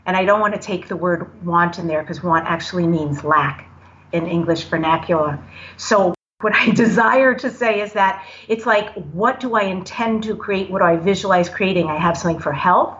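A woman's voice: lowish voice, normal speed, a bit bright, lo-fi sound. A woman guest in a casual conversation, talking in a reflective, encouraging way in short phrases. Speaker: podcast guest.

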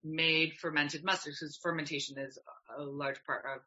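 A woman's voice: low voice, level tone, moderate pace, pushed and bright, lo-fi sound. A woman talking conversationally, telling stories from her own experience. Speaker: podcast guest, nutrition practitioner. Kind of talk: conversational storytelling.

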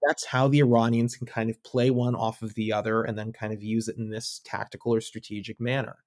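A man's voice: lowish voice, little pitch movement, brisk, no echo, studio quality. A man as a guest analyst in a conversational podcast interview, thinking aloud with wry asides. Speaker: guest analyst on militia groups.

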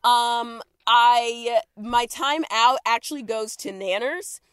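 Female podcast host, higher-pitched, chatty and slangy, recording in a dry, muffled closet. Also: slow pace, clear, resonant tone, no echo. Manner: animated, giggly, slangy. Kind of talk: casual recap chat. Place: small closet.

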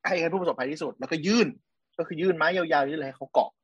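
A man's voice: on the high side, very fast, dull audio, a crowd in the background. A man co-hosting a casual podcast chat, explaining things step by step and often restarting his words. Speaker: podcast co-host.

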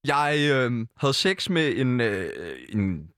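Lively deadpan Danish-speaking comedy man. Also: medium pitch, clear, resonant tone, no echo, clean studio sound. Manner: provocative, deadpan one-liners. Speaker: podcast co-host. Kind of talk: satirical comedy podcast banter. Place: studio.

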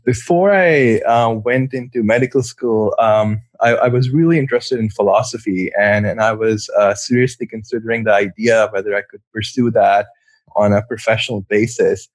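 A man's voice: fairly low pitch, moderate pace, no room sound. A man from Pakistan, a psychiatrist answering interview questions in a thoughtful way, with many fillers and restarts. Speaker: psychiatrist guest.

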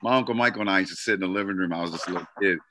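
Bright-toned man telling stories. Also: deep voice, racing, a little hiss or hum. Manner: animated storyteller, food anecdotes. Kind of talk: casual chat.

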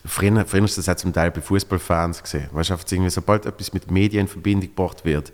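A man's voice: deep voice, steady tone, fast. A man in his thirties with a Swiss German accent, telling a story in casual chat with lots of restarts. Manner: rambling storyteller, many restarts and fillers. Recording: reverberant room.

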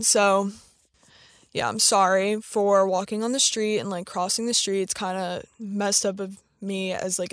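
A woman's voice: medium pitch, no echo, clean studio sound. A teenage girl chatting casually and sarcastically, filling her talk with "like". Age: teens. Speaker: influencer. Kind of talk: casual chat.

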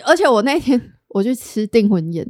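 A woman with a Taiwanese Mandarin accent, co-hosting a podcast, telling a travel mishap in animated, profane casual chat. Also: a little high, brisk, no room sound, clean studio sound. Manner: animated storytelling, swears often, voices her own panic. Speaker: podcast co-host.

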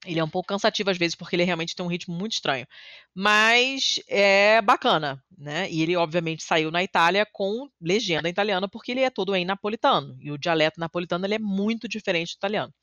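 Speaking quickly with no echo, a Brazilian woman from Rio de Janeiro who now resides in Italy joins a podcast for a relaxed conversation. She's energetic and profane, often teasing herself, and her voice leaps to a high pitch when she's excited.

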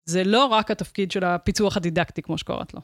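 A woman's voice: lowish voice, dry recording, studio quality. A woman with an Israeli accent hosting a casual podcast chat in an informal, slangy way. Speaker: podcast host.

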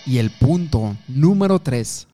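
A man's voice: medium pitch, lively intonation, slow, music in the background. A man giving an instructive talk on communication, asking the listener questions and telling short anecdotes. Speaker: communication coach.

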